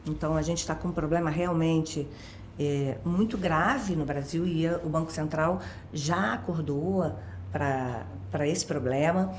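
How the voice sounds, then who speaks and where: A woman's voice: low-pitched, unhurried, darkish tone, reverberant, slight background noise. A woman with a Rio de Janeiro accent, a guest expert explaining things in casual chat with everyday examples and constant tag questions. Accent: Rio de Janeiro Portuguese. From Brazil, born in Minas Gerais.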